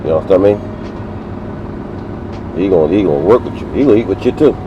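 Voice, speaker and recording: A Barbadian man from Barbados, a construction worker talking casually in an interview, animated and repetitive, outdoors on a city work site. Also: sits low, fast talker, dull audio, background noise. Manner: animated, repetitive, laughs while telling stories.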